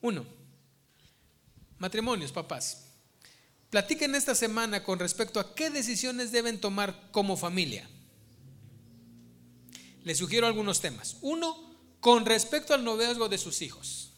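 A man's voice: sits high, animated, measured pace, long pauses, a bit bright. A man preaching a sermon as pastor, emphatic and repeating his key phrases.

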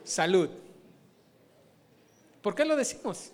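Male preacher, high voice, chatty sermon delivery, constant rhetorical asides. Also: expressive, moderate pace. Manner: conversational, rhetorical questions to the congregation. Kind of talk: informal sermon teaching.

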